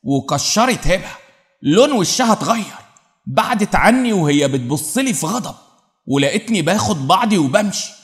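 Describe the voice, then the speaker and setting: A man's voice: sits high, expressive, moderate pace. A man with an Egyptian accent reading a dramatic first-person story aloud, emotional and theatrical.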